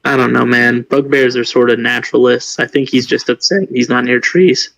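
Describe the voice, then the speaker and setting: A man playing a tabletop game, talking in excitable, quick bursts during casual chat. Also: mid-range voice, gravelly, rough recording. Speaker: player.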